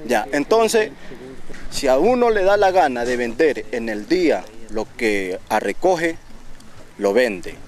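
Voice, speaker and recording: Outdoors at a landfill, a young Ecuadorian waste picker speaks into a handheld interview mic for a documentary. His medium-pitched voice swings widely in pitch and he takes his time, talking earnestly and proudly while often repeating words and restarting.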